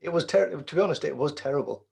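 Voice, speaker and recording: A man co-hosting a podcast in casual chat, wry and self-deprecating, with quick jokes. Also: on the high side, creaky, a crowd in the background. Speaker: podcast co-host.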